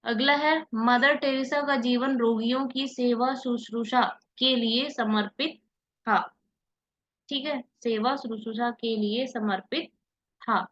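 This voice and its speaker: A woman teaching an exam-prep spelling lesson, asking questions and answering them herself, repeating each word slowly. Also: fairly high pitch, steady tone, a bit bright. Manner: asks and answers her own questions, repeats words slowly. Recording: slightly dull lo-fi audio.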